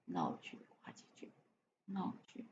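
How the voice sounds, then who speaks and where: A woman's voice: measured pace, darkish tone. A woman practising English aloud, stumbling over words and repeating them as she sounds them out, with spoken translations. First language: Chinese. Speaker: English learner reading aloud. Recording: dull lo-fi live-stream audio with faint noise.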